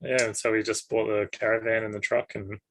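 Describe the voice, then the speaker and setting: A man's voice: fairly low pitch, flat delivery, a little fast, a bit bright, rough recording. A man from Sydney with an Australian accent, a photographer and podcast guest who talks in a laid-back, understated way with dry humour. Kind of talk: casual interview chat.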